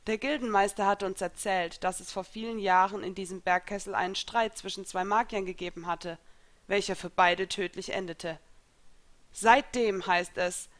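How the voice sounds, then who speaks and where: A woman reading a first-person story aloud in an expressive, lively storytelling manner. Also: medium pitch, moderate pace, no echo. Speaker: reader.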